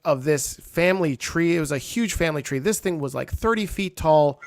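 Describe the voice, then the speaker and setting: Excitable host with a dry close sound. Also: male voice, fairly high pitch, moderate pace, dry recording. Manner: excitable, reads viewer comments. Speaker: show host. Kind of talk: casual wrestling chat.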